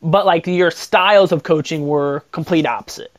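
Host: friendly man with a slightly high voice, casual interview tone. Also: moderate pace. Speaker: podcast host.

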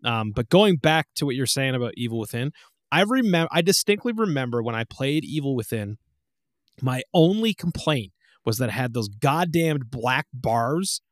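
A man in casual podcast chat, telling stories in an animated way and acting out his own reactions. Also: medium pitch, moderate pace, no room sound, clean studio sound. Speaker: podcast co-host.

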